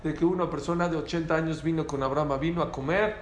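A man with a fairly high voice teaches a small group, animated and full of rhetorical questions. The sound is roomy, with a faint hum of noise behind him. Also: quick pace. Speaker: Torah teacher. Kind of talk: lively spoken Torah class.

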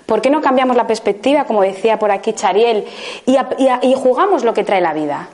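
A woman from Spain with a Spanish accent leads a live laughter workshop, coaxing the group with questions, bursts of laughter exercises, and loud "ja" calls. Her slightly high voice has lively intonation and a fairly quick pace.

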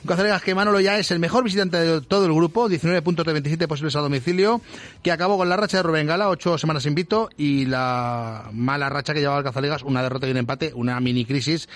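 Male sports reporter, Spain accent, rapid pace, slightly high pitch, live radio report. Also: no echo. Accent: Spanish from Spain.

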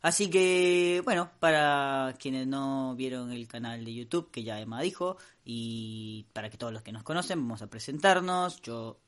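A man's voice: medium pitch, measured pace, few pauses, a bit bright. A man, co-hosting a casual unscripted podcast chat, hesitant and full of restarts, speaking into a handheld mic. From Costa Rica. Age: 30s. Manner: hesitant, restarts often, laughs easily. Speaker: podcast co-host.

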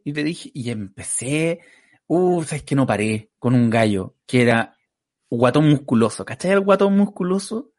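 A man with a Chilean accent, a stand-up comedian telling stories in a casual chat and acting out the quoted people. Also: unhurried. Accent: Chilean Spanish. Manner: acts out quotes in a high excited voice. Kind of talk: casual chat, animated storytelling.

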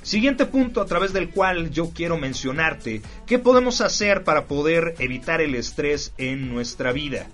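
A man with a Mexican accent delivers a motivational self-help talk as a podcast host. He speaks straight to the listener and drives his points home through repetition. His voice sits a little high for a man, with faint music playing behind him. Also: animated, normal speed, few pauses, a bit bright. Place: studio recording.

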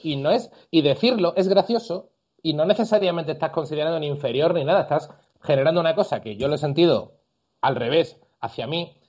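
A man from Andalusia, hosting a casual discussion and arguing his points with lively examples. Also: on the high side, brisk, slightly rough, lo-fi sound. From Andalusia, Spain. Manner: lively, opinionated, argues with examples.

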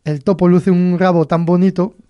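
A man with a Cantabrian accent hosts a folklore show, spinning short folk tales in a chatty, folksy manner with many chuckles. His voice is mellow and warm in tone, sitting fairly high. The recording is dry and close. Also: flat delivery, normal speed, no room sound, highs cut off. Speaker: host. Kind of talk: storytelling folklore podcast.

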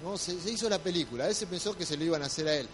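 A man's voice: a little high, expressive, racing, a bit bright, faint music behind. A man with a Rioplatense accent preaching a sermon, retelling a scripture story and asking the congregation questions. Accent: Rioplatense Spanish.

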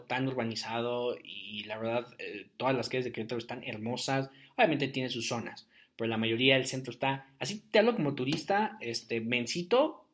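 A young man talks alone into his podcast mic. He rambles in a loose, chatty way and fills his talk with fillers. His voice sits at an ordinary middle pitch. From Jalisco, Mexico. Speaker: podcast host. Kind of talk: casual solo podcast monologue.

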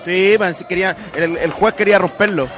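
Male co-host, raised pitch, teasing banter, clear music bed under the voice. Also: brisk, a bit bright, a faint crowd. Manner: teasing, wry asides. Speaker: radio co-host. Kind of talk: casual radio banter.

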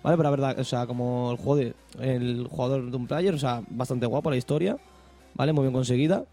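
A man's voice: medium pitch, a little fast, warm tone, faint music behind. A man co-hosting a casual podcast about video games, hesitant and often correcting himself. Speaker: podcast co-host. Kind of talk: casual gaming chat.

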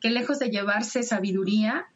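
A woman, a podcast guest explaining sex education in an animated way and laughing often. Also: medium pitch, normal speed, slight background noise. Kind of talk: podcast conversation. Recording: dull lo-fi sound.

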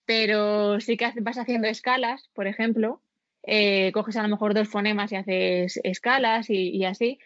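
Woman, voice-acting student, thoughtful and halting, dry lo-fi take. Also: mid-range voice, fairly even intonation, a bit bright, no room sound. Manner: thoughtful, hesitant with many fillers. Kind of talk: conversational interview.

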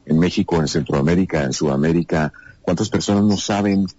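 A man's voice: deep voice, fairly quick, slightly rough, no room sound, muffled recording. A man with a Mexican accent, a voice actor guesting on a podcast, telling stories and acting out the dialogue he quotes. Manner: animated storyteller who acts out quoted dialogue. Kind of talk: casual podcast interview.

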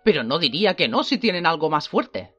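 A woman voicing a huge shaggy man, blunt and hearty, rough but kindly, leaping up and down in pitch. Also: big pitch swings, a little fast, fairly bright tone, soft background music, full character voice.

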